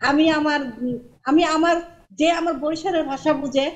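A woman's voice: high-pitched, moderate pace. A woman from Barishal joining a TV talk show by video call, chatty and repeating herself as she tells stories. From Barishal, Bangladesh. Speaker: call-in guest. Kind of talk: casual chat on a video call.

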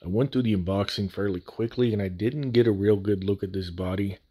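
The host of a scale model building channel narrates a hands-on hobby tutorial in a husky, dark, lowish voice at a fairly quick pace. His manner is casual, folksy, and plain-spoken, and the phone mic recording sounds slightly echoey.

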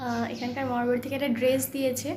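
A young woman vlogging in a casual chat, talking softly and quietly so her sleeping baby is not woken. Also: sits high, flat delivery, rapid-fire, slight background noise. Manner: hushed, soft-spoken so the baby can sleep.

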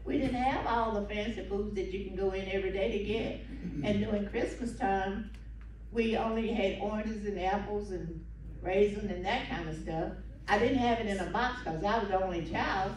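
Breathless older Southern woman, echoey distant room. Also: mid-range voice. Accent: Southern American. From southern United States. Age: 70s or older. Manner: folksy, unhurried, with pauses and acted-out quotes. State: short of breath. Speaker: guest speaker at a local history talk. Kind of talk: informal reminiscing storytelling to an audience. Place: meeting room with seated audience, phone camera from the audience. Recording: echoey, noisy room recorded from afar.

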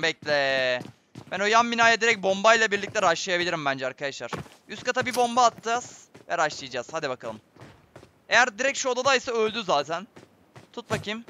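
Young male streamer, high-pitched, chatty and excitable, game noise clearly audible. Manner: excitable, chatty, addresses viewers as friends. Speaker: gaming streamer. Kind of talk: live gameplay commentary. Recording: game gunfire behind voice.

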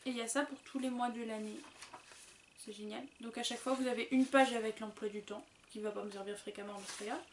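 A young woman from France chatting excitedly and casually as she unboxes and describes books and goodies. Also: a little high, fast, a little hiss or hum. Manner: chatty, excitable, loose with swearing. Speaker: booktuber.

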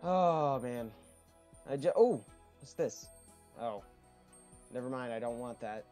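A man's voice: medium pitch, lively intonation, takes it slowly, warm tone. Chatty man narrating his gameplay. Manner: rambling, chatty with frequent ums. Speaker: let's play host. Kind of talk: casual gameplay commentary. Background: faint game music.

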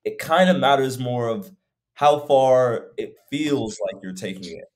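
A man's voice: mid-range voice, animated, a little slow, a little mellow, a little hiss or hum. A young man, a fitness coach co-hosting a podcast over a video call, talking in a reflective, rambling way with many fillers. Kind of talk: casual podcast conversation. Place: room at home.

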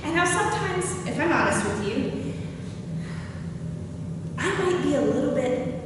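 A woman's voice: sits high, sing-song, a little slow. A young woman pastor giving a conversational sermon, chatting with and questioning her congregation. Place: church sanctuary. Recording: echoey hall from far off, noisy.

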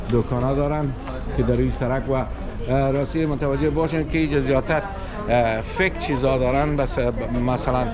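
A middle-aged man chatting to his camera as a travel vlogger, held at arm's length while he walks a covered market and talks with shopkeepers. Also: medium pitch. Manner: chatty, switching languages with shopkeepers. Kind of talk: casual travel vlog commentary. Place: covered market street, indoors-outdoors. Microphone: handheld camera at arm's length. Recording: crowded market chatter behind. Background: busy market crowd.

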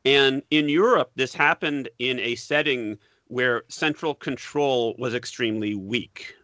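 A man, a professor being interviewed, explaining history in a measured way and repeating words as he thinks. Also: mid-range voice, sharp tone, no room sound. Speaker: guest, political science professor. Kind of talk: academic interview.

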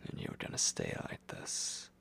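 In an ASMR roleplay, a man plays a possessive, commanding vampire lord, whispering breathily and gravelly with slow, menacing condescension. Recorded on a close microphone, the sound is pushed and bright.

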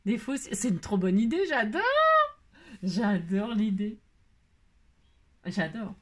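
Speaking slowly in a medium-pitched voice, this woman craft vlogger opens mail while talking casually to her audience. She gushes effusively, says her exclamations more than once, and frequently trails off and restarts.

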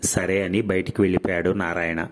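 A man narrating a story aloud in a steady, even reading voice. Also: deep voice, fairly quick, a little hiss or hum. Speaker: story reader.

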